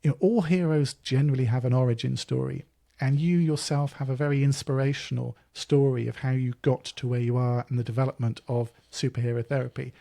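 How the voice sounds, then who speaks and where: A man's voice: medium pitch, steady tone, a little fast, vocal fry, mellow. A man hosting a podcast who asks thoughtful, rambling questions in a conversational way. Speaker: podcast host. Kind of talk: interview chat.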